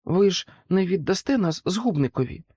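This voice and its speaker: A man's voice: high voice, expressive, normal speed, darkish tone, husky, no echo, studio quality, pitched above the performer's own voice. A man doing an anxious little boy. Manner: anxious, pleading. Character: young boy, anxious and earnest.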